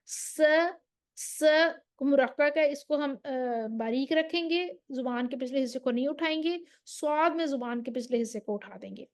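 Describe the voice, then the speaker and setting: A woman teaching recitation rules, patiently explaining and drawing out sample syllables slowly, checking in with the listener. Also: sits high, a little mellow. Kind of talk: tajweed lesson.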